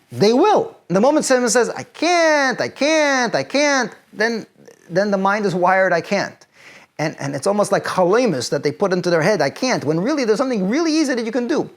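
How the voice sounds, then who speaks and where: A man, a rabbi, gives emphatic advice to teenagers, repeating phrases and building to loud peaks. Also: sits high, vocal fry.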